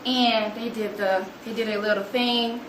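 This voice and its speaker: Young woman, lively storyteller, slightly high voice, echoey room with background noise. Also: measured pace. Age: young adult. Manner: animated, acts out quotes in a higher voice. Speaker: student speaker. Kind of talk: storytelling talk to an audience. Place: room with an audience.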